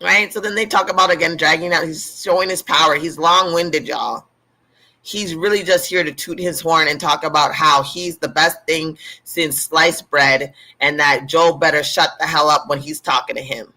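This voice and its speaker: A man's voice: a little high, normal speed, pushed and bright, rough recording. A man hosting a live talk, reading scripture aloud and commenting on it with irreverent sarcasm and cursing. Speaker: host.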